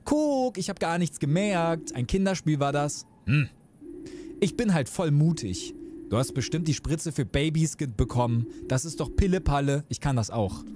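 A man's voice: on the high side, animated, moderate pace, darkish tone, a little hiss or hum, natural voice. A man voicing a boastful little boy patient who squabbles childishly in a game.

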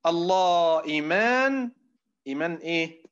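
A man with an Egyptian Arabic accent teaches an online class in a fairly high voice. He keeps quizzing his listeners, posing fill-in questions and answering them himself. The audio is dull and lo-fi. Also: animated, normal speed, fairly bright tone. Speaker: lecturer. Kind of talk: online lecture to students.

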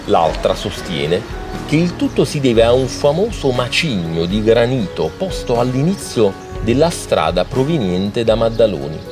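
A man's voice: mid-range voice, sing-song, unhurried. A man narrating a documentary in an explanatory, storytelling way. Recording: music playing behind.

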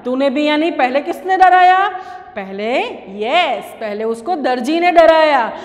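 A woman's voice: sits high, lively intonation, measured pace, in a large hall. A woman teacher, animatedly telling a story and explaining words to children.

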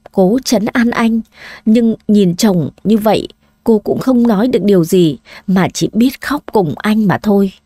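A woman narrating a dramatic story in an audiobook, reading slowly and with emotion. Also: mid-range voice, dark tone, no room sound, clean studio sound.

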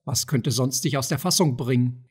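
A man's voice: medium pitch, normal speed, a little mellow, slightly rough. A man reading an audiobook of a play, voicing a sultan's clever sister who sounds coaxing and urgent, with no change from his own voice.

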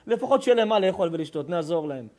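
A middle-aged rabbi preaching a sermon. His voice sits a little high for a man. He rises into loud, emphatic declaiming and drops into hushed, intense storytelling. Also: animated.

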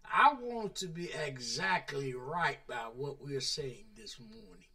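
Man preaching, Bible teaching, slow drawn-out delivery, bright tense voice, swooping pitch. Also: big pitch swings, poor audio. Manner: refers to himself by name in third person; slow, drawn-out emphasis on scripture. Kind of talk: radio-style Bible teaching.

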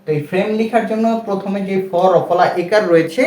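A man's voice: high-pitched, fairly quick, darkish tone, reverberant. A man with a Bangladeshi Bengali accent teaching a reading lesson, patiently spelling out and repeating each sound.

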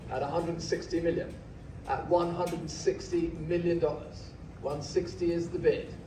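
In a large, packed auction hall, a male auctioneer with a voice on the high side calls bids in a steady, measured rhythm into a podium mic. Someone in the audience films on a phone, so the sound is distant and echoey, with room ambience and background noise.

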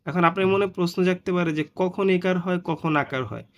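A man's voice: high voice, a little fast. A man teaching English reading, patiently spelling out letter pairs and their sounds one by one, often checking in with the listener. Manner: frequent "ঠিক আছে" check-ins. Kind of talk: spoken phonics lesson.

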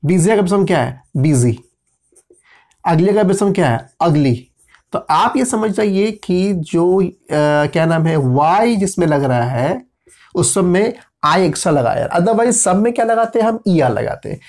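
A man's voice: high-pitched, animated, normal speed, a little mellow. A man with teaching a grammar lesson, patiently spelling out letters and checking in often with his listeners. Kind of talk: explanatory lesson.

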